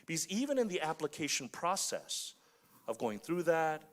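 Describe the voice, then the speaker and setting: A man's voice: on the high side, sing-song, moderate pace. A man on a conference panel reflecting on his own story, listing things in short phrases. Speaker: panel guest.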